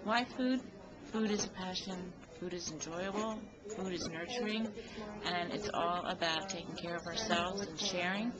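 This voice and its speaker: A woman culinary school director giving a brisk, list-like interview answer at a conference. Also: lowish voice, low-quality recording. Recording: loud crowd at a conference.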